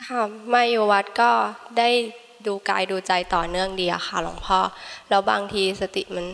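Woman telling her teacher about her meditation, halting and respectful, bit of vocal fry. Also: medium pitch, fairly bright tone, in a large hall. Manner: hesitant, polite, respectful replies. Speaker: lay meditator reporting practice.

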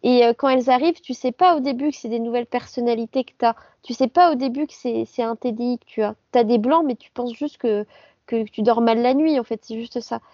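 A woman's voice: a little high, fairly quick, no room sound, dull audio. A woman co-hosting a podcast, explaining casually with fillers and repeated words. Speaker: podcast co-host. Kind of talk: casual chat.

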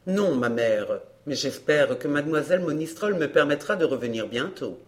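A woman's voice: sits low, lively intonation, moderate pace, pitched below the performer's own voice. A woman reading an audiobook, voicing an earnest young man eager to serve the heroine.

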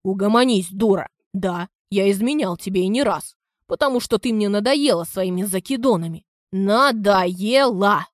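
A woman's voice: mid-range voice, animated, normal speed, no echo, studio quality, natural voice. A woman reading an audiobook, voicing an unfaithful older husband who blusters. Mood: defensive. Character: unfaithful older husband, defensive then yelling.

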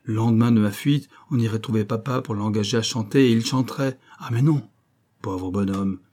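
A man's voice: on the low side, a little fast, warm tone, natural voice. A man voicing a distraught young man who talks in a plaintive, stammering and agitated way, in an audiobook. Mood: plaintive despair. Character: distraught young man, rich man's son, despairing. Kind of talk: audiobook character voice.

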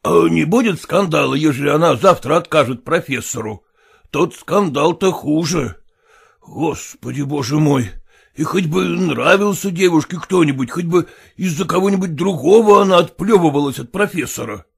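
A man voicing an agitated, domineering father who demands and shouts, in an audiobook reading. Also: fairly high pitch, moderate pace, gravelly, husky. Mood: demanding. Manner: blustering, demanding.

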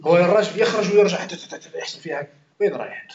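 Algerian male Quran teacher, rapid and conversational, quizzing his circle; roomy, muffled recording. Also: high voice, animated, background noise. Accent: Algerian Arabic. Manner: conversational, swears oaths, quizzes listeners. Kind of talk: informal Quran commentary lesson.

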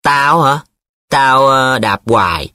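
A man's voice: medium pitch, expressive, slow pace, pushed and bright, no room sound, studio quality, voice pushed up. A man voicing a teasing, dramatic young male student who talks in a playful, showy way, in an audiobook. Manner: playful, showy, sing-song when reciting.

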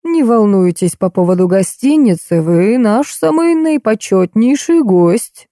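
A flustered older man hurries and fusses over his guest, as a woman voices him. The voice stays dark and mellow in a dry, close recording. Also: medium pitch, animated, dry recording, pitched above the performer's own voice, lightly acted. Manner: hurried, fussing. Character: fussy older male host, flustered.

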